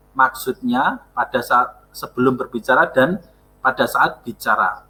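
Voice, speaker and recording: A man teaching a language lesson. He reads example sentences slowly and clearly, then explains them quickly, often adding "ya" and "eh". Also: medium pitch, pushed and bright. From Indonesia.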